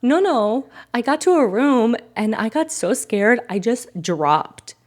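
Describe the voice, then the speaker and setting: A woman's voice: a little high, big pitch swings, takes it slowly. A young woman co-hosting a podcast, narrating true stories in casual chat with joking asides. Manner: reads story details, breaks off for joking asides.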